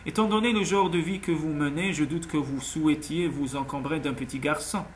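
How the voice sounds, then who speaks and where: A man's voice: on the high side, brisk, slight background noise, lightly acted. A man voicing a proud, anxious young single mother in an audiobook, speaking earnestly. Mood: sharp. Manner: earnest, tense, pleading. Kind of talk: audiobook character voice.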